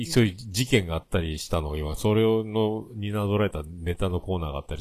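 A man's voice: deep voice, no echo. A man with a Hakata dialect hosting a casual drinking chat, telling stories and mimicking other people. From Kyushu. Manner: lively storyteller, mimics others. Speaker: podcast host.

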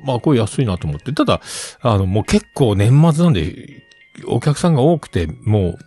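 A man's voice: mid-range voice, big pitch swings, a little fast, darkish tone, husky, faint music behind. A middle-aged man casually rambling through a personal story, acting out the bits he quotes. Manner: chatty storyteller who acts out quoted bits.

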